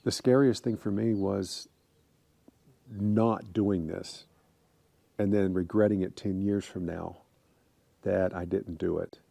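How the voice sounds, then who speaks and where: A man's voice: sits low, steady tone, slow pace, vocal fry, pauses often, dark tone, no room sound. A man in his fifties from the United States, talking casually to camera in a rambling way with many fillers and restarts. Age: 50s. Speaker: vlogger.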